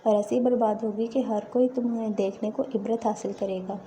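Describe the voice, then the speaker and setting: A woman's voice: fairly high pitch, steady tone, warm tone, slight background noise, lightly acted. A woman reading as a wronged, reproachful young wife. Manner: reproachful, pleading.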